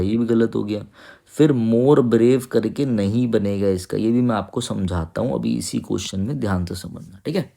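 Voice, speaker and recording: A man's voice: fairly low pitch, creaky, dark tone. A man teaching an exam-prep English grammar lesson, explaining patiently and often checking that students follow. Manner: explains patiently, keeps asking "ठीक है?" to check understanding; reads English sentences slowly and deliberately.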